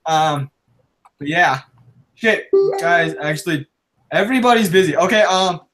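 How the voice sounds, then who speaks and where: A young man hosting a casual podcast chat, rambling, excitable and swearing freely, often out of breath. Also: fairly high pitch, a little slow, background noise. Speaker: podcast host.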